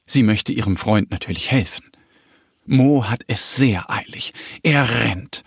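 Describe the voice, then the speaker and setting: A man narrating a children's audio story in a gentle, expressive storytelling manner. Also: fairly low pitch, measured pace, breathy edge, no room sound, clean studio sound.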